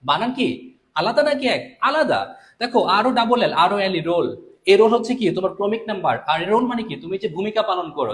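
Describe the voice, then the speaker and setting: A young Bangladeshi tutor teaches a live online class in a high-pitched voice. His delivery swoops and bounces with animated energy. He repeats key points and greets students by name as he goes. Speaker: admission test tutor.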